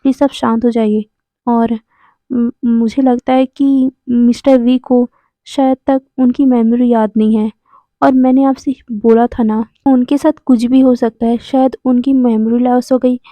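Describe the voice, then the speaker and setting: A woman reading the lines of a calm male doctor who speaks formally and soothingly, in a dull, dry recording. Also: on the high side, measured pace, no room sound, natural voice.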